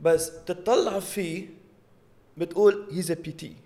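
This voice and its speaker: A man's voice: high-pitched, steady tone, a little slow, mellow. A man with a Lebanese Arabic accent in casual, humorous chat, telling stories with mocking mimicry and slipping in English phrases. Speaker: podcast co-host.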